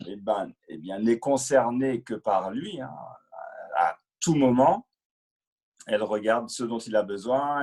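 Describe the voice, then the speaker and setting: Man, interpreter, patient, halting, husky voice. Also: on the low side, darkish tone. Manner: patient, halting, many fillers and repetitions. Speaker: interpreter and Dharma teacher. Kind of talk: explaining a prayer.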